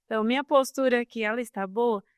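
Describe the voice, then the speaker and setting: Woman, podcast guest, expressive and emphatic, smooth and clear, dry close sound. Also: a little high, fast talker, no room sound. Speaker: podcast guest, communication specialist. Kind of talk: casual conversational podcast.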